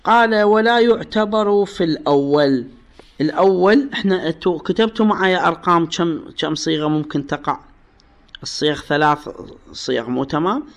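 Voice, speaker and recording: A man's voice: fairly high pitch, a little fast, vocal fry, fairly bright tone. A man with an Iraqi Arabic accent teaching a jurisprudence class. He explains patiently, repeats key phrases and quizzes his students. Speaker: religious law teacher.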